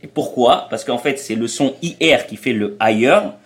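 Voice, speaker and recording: Un homme d'âge moyen, invité d'une interview, qui explique et raconte des anecdotes sur un ton familier, avec des hésitations et des reprises. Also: male voice, medium pitch, normal speed. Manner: explanatory, anecdotal, hesitant restarts. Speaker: guest, traveling parent. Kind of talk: casual interview chat.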